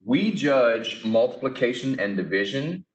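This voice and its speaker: In an echoey room, a man teaches a casual math lesson, walking through each step with chatty, offhand asides. His medium-pitched voice is very animated but measured in pace, and the highs are cut off.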